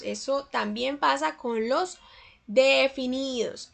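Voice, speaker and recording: High, gravelly-voiced woman teaching grammar. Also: pushed and bright. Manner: slow, careful enunciation of English example sentences. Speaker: English teacher. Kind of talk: scripted grammar lesson narration.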